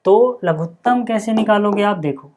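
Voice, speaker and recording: A man teaching a maths lesson step by step, dictating numbers slowly and checking in constantly with his students. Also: high voice, darkish tone.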